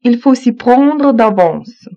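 A woman slowly reading French phrasebook lines, saying each one twice in an even manner. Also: fairly high pitch, muffled recording. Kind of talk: slow repeated phrasebook reading.

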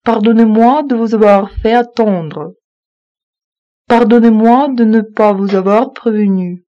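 A woman slowly reading French phrasebook lines, saying each one twice in an even manner. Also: a little high, muffled recording. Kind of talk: slow repeated phrasebook reading.

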